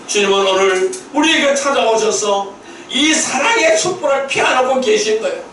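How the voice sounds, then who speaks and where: A man pastor delivering a Sunday sermon, emphatic, asking rhetorical questions and rising to shouted peaks, recorded in a church sanctuary. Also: very high voice, lively intonation, moderate pace, a little hiss or hum. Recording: very echoey hall, mic at a distance.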